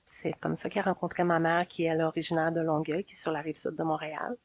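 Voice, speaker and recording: A woman's voice: low voice, fast talker, slight background noise. Québécois woman in her forties, chatty. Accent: Québécois French. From Quebec. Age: 40s. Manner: relaxed, hesitant with frequent "euh". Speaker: podcast guest. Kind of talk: casual storytelling.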